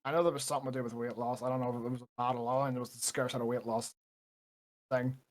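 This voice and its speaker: A young man co-hosting a casual podcast chat. He swears freely, laughs often and breaks into quick rants. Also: mid-range voice, little pitch movement. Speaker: podcast co-host.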